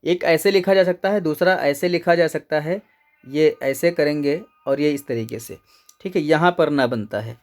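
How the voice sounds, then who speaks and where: A man's voice: fairly high pitch, normal speed. Man teaching Hindi grammar step by step. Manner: explains step by step, repeats key words, checks in with "ठीक है". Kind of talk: exam answer-key lecture.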